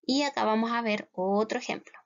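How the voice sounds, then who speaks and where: A woman teacher with a Chilean Spanish accent patiently explaining English grammar to her students, checking in with them again and again and saying English words slowly. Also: fairly high pitch. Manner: patient, repeats "¿cierto?" to check understanding. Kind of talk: classroom lesson explaining grammar. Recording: dull lo-fi sound.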